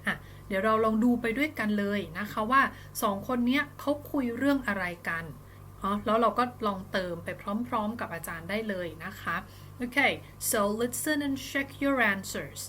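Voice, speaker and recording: A Thai woman teaching an online English lesson, speaking English slowly and carefully between quick, chatty explanations. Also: fairly high pitch, a bit bright, slight background noise.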